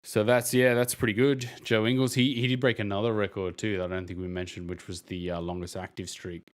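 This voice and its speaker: A man's voice: lowish voice, flat delivery, a little fast. A man co-hosting a podcast, in rambling casual sports chat, acting out what he'd say to players. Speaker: podcast co-host.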